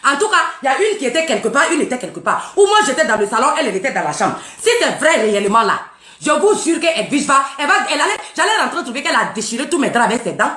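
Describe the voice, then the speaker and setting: A woman's voice: high-pitched, sing-song, very fast, fairly bright tone. Taunting woman. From Burkina Faso. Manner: mocking, taunting, boastful, laughing. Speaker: live social media streamer. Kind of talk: live-stream rant. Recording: roomy echo.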